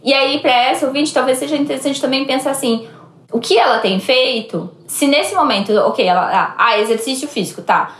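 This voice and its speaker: A Brazilian woman with a fairly high voice, recorded in an echoey space. She explains things conversationally and reflectively, working through examples as a guest on a talk podcast. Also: a little fast. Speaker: podcast guest giving advice. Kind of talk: casual explanatory chat. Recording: roomy, echoey sound.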